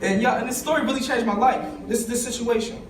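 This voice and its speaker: Speaking quickly in a high voice, a young man from East Baltimore tells his own story as a summit speaker, emotional and conversational, talking straight to the audience. The conference hall echoes, his voice sounds distant, and there's slight background noise.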